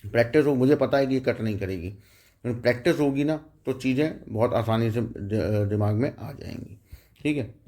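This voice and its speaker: A man's voice: mid-range voice, normal speed, warm tone. A man teaching a math lecture, explaining step by step and often checking in with the students.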